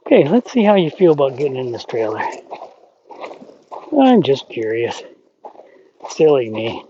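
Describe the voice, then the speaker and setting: Calm man explaining horse training. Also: mid-range voice, measured pace. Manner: calm, explanatory, talks to the horse between points. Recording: dull, lo-fi with faint noise.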